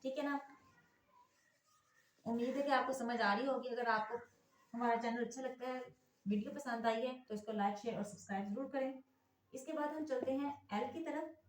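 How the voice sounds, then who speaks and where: A woman gives a phonics lesson in a room that rings with echo. Her voice sits a little high. She spells example words letter by letter and keeps asking "theek hai na" to check in. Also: moderate pace, long pauses, slight background noise. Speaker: English teacher.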